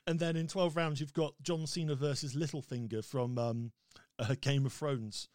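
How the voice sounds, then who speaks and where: A man's voice: medium pitch, steady tone, normal speed, a little mellow, dry recording, clean studio sound. A man co-hosting a podcast in casual chat, laughing often and restarting his sentences. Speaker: podcast co-host.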